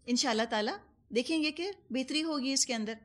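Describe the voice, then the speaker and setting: A woman's voice that sits high belongs to a Quran teacher with a Pakistani Urdu accent. She gives a commentary lesson, explaining patiently with everyday examples and dropping in English words.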